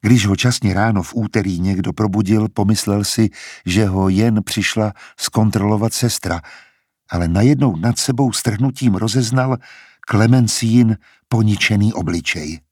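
A man reading an audiobook in calm, measured scripted narration. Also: lowish voice, slightly rough, dry recording, studio quality.

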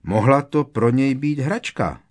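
A man's voice: medium pitch, expressive, pitched above the performer's own voice, natural voice. A man reading aloud, voicing a worried teenage boy wizard who speaks urgently and with emphasis.

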